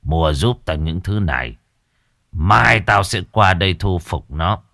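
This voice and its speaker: Man doing a gruff old exorcist, greedy, smug, very low slow growl, dry close sound. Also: animated, sharp tone, no room sound, exaggerated voice.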